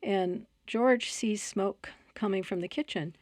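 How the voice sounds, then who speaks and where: A woman researcher explaining ideas in a conversational interview, telling stories with lively energy and frequent restarts. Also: mid-range voice, slow, dry recording, studio quality. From United States. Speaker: researcher guest.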